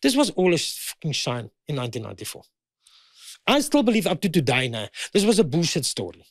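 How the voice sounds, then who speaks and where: A man's voice: fairly high pitch, very animated, fast talker, dry recording, clean studio sound. A South African man in his fifties, a guest in a heated conversation, pressing and repeating his points. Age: 50s.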